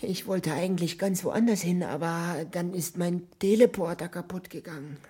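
A woman's voice: fairly low pitch, normal speed, warm tone, husky. A woman playing a timid, stammering superhero. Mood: nervous. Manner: stammering, jittery, panicky. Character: timid, fussy male superhero, easily frightened. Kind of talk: children's radio play acting.

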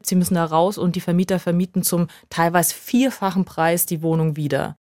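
A woman reporter explaining events in a relaxed conversational way, using everyday examples from her own life. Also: on the low side, fairly quick, no room sound, clean studio sound. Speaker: foreign correspondent guest. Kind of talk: conversational podcast interview.

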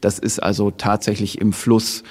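A man as an expert guest in a podcast interview, explaining data in a measured, careful way. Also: fairly low pitch, little pitch movement, a little mellow, husky.

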